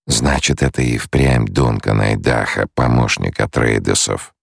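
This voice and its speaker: Audiobook villain: a scheming male shapeshifter, slow taunting bargainer, read by a man with a very deep, dry voice. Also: steady tone, gravelly, no echo, full character voice. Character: cunning male face dancer, scheming menace.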